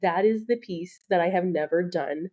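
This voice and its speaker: On a muffled recording, this beauty business coach speaks at a normal pace in a lowish voice with a darkish tone. Her solo podcast talk is chatty and upbeat, full of ums, and her allergies leave her slightly nasal and stuffed up.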